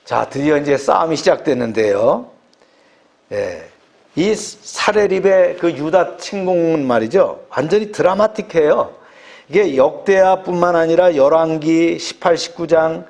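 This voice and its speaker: Male pastor, raised pitch, emphatic preaching with quick affirmations between points. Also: expressive, a little mellow. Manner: emphatic preaching, punctuated by frequent short affirmations. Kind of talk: sermon.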